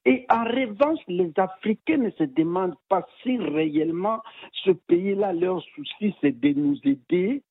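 A man's voice: sits high, lively intonation, a little slow, vocal fry, slightly rough, no room sound. A man leaving an answering machine message for a radio show, speaking rhetorically and with passion, posing questions to the listeners. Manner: rhetorical and impassioned, poses questions. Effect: voicemail message played on air. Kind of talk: spoken opinion message. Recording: dry tinny phone-line voicemail.

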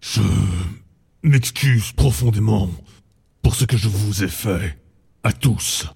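A man doing a deep, gravelly, remorseful giant cat warrior. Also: darkish tone, exaggerated voice. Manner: slow, halting apologies. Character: huge male cat-like warrior, gentle and remorseful. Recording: background music.

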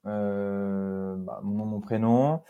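A man's voice: on the low side, takes it slowly, smooth, narrow, tinny audio, faint music behind. A man in his twenties, a podcast guest, chatting casually and joking with the host. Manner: relaxed, joking, many fillers. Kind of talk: casual interview chat.

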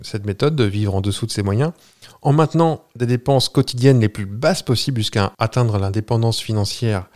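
A man's voice: on the low side, normal speed, darkish tone. A man co-hosting a podcast, explaining a topic in a chatty, jokey way with fillers and restarts. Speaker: podcast co-host. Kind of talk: casual chat.

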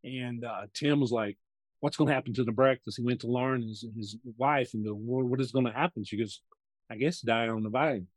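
This dry recording captures an American man in his sixties speaking a little fast in a mid-range voice. He's a real estate investor guesting on a podcast, wandering through casual stories and voicing what others said along the way.

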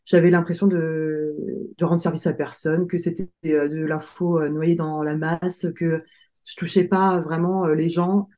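A woman in her late thirties, a podcast guest telling her story in a relaxed, hesitant, conversational way. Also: deep voice, a little slow. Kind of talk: casual conversational interview.

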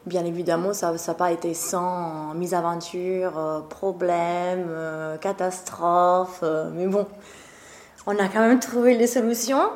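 Speaking slowly in a low-leaning, darkish voice with a steady tone, this young woman from northeast Italy co-owns a café and is a guest in a relaxed interview. Fillers and frequent laughter mark her hesitant delivery. The audio is roomy with faint background noise.

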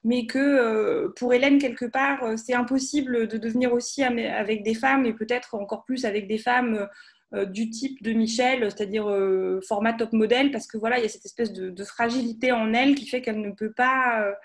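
A woman's voice: a little high, steady tone, normal speed. A woman giving a casual book review, often stopping to rephrase herself. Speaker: podcast contributor.

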